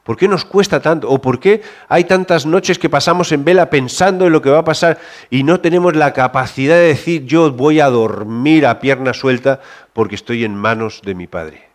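Conversational preacher, soft then rising. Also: male voice, fairly high pitch, normal speed. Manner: conversational, many restarts, shifts between soft and raised. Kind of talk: sermon.

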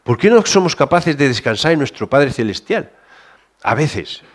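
Conversational preacher, soft then rising. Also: male voice, fairly high pitch, very animated, moderate pace. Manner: conversational, many restarts, shifts between soft and raised. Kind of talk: sermon.

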